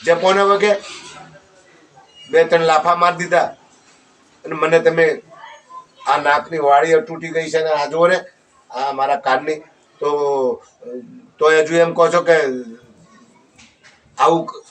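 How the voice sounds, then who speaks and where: A man's voice: a little high, flat delivery, slow, pauses often, fairly bright tone. A man voicing an upset village wife. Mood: aggrieved. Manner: aggrieved, complaining. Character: upset village wife accusing her husband. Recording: distant mic with faint background noise.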